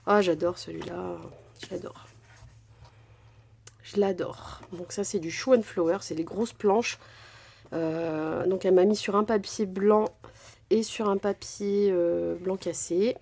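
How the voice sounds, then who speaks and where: A woman's voice: fairly low pitch, fairly even intonation, takes it slowly, creaky, darkish tone. Woman vlogger, casual unboxing chat, effusive, lots of fillers. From France. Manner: chatty, gushing, many fillers. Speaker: crafting vlogger.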